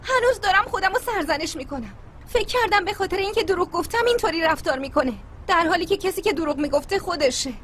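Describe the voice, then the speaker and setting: A woman's voice: extremely high pitch, animated, fairly bright tone, a little hiss or hum. An actress playing an upset young woman who blames herself and speaks tearfully in a dubbed drama. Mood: distraught. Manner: tearful, self-blaming. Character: upset young woman, distraught over a lover's lies.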